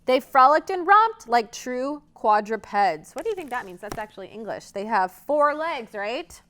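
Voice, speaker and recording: A woman with a voice on the high side reads a children's story aloud as a library storyteller. She is expressive and pauses to ask questions and explain things.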